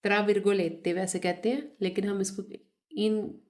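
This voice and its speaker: A woman's voice: mid-range voice, fairly even intonation, slow, darkish tone. A woman teaching a beginner Italian lesson, spelling out and repeating words. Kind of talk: slow language lesson.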